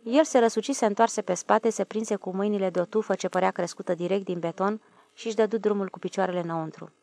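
A woman narrating an audiobook in a steady, measured reading. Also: medium pitch, creaky, no echo. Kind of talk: scripted narration.

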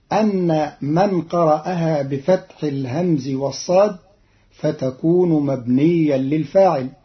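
Brief: male Quran scholar, higher pitched, unhurried and exact, dull vintage radio sound. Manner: slow, measured and precise, quoting verses in a chant. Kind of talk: explaining variant Quran readings. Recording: dull old radio archive recording.

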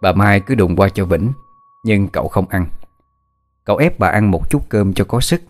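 A man narrating a ghost story in a steady, unhurried storytelling manner. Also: fairly low pitch.

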